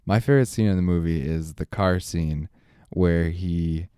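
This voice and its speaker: A man's voice: deep voice, normal speed, mellow, clean tone, no echo, studio quality. A man co-hosting a casual movie review chat, opinionated and sarcastic. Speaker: podcast co-host.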